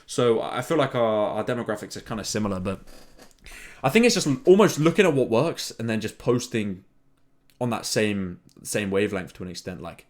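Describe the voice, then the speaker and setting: A young man talks loosely in an everyday chat, his voice sitting a little low. He rambles, restarts and leans on fillers as he thinks aloud about making videos. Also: lively intonation, normal speed, a little mellow. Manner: rambling, filler-heavy, lots of "like". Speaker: content creator. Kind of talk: casual chat.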